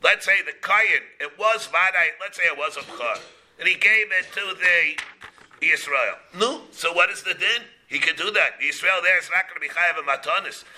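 A man with a very bright, forceful, somewhat high voice gives a Talmud lesson. He works through the text in short phrases, repeats them, and asks questions that he then answers himself. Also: normal speed. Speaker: rabbi teaching a class. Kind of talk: Talmud lesson, reading and explaining.

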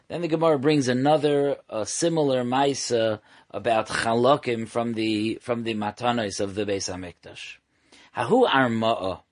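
Rabbi explaining a Talmud page. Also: male voice, medium pitch. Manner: translates phrase by phrase, mixing in Hebrew and Aramaic terms. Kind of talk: Talmud lesson.

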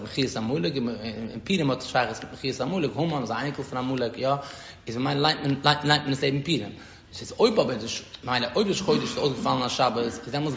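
Rabbi teaching Talmud in Yiddish. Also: male voice, mid-range voice, gravelly, a bit bright. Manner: halting, repeats words while explaining. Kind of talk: Talmud lesson. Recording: dull echoey room recording with faint noise.

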